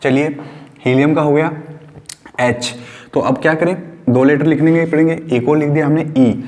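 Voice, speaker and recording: A man from India delivers a science lecture in mixed Hindi and English in a room with a board, repeating key words and answering his own questions while writing. His higher voice is steady and darkish in tone, at a moderate pace.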